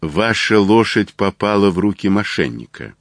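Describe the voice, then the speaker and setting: A man's voice: lowish voice, sing-song, no echo, studio quality. A man reading the part of a composed, unflappable middle-aged detective in a storybook reading. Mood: explaining. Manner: unflappable, measured.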